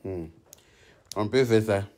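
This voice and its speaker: A man's voice: fairly low pitch, slow pace, darkish tone, a little hiss or hum. A man doing casual live-stream commentary, teasing and chatty, often breaking into laughter. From Ivory Coast.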